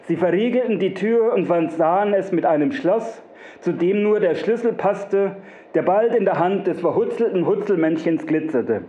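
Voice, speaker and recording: A man tells a satirical fairy tale in a playful, wordy manner full of repetition. His voice sits fairly high. The recording is lo-fi and muffled, with a roomy echo around it. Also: moderate pace, warm tone. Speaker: storyteller.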